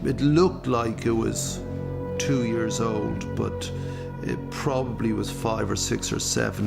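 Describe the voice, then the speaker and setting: A man recalling what he saw in an interview, speaking in a slow, halting, grave way. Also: fairly low pitch, creaky. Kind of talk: interview recollection.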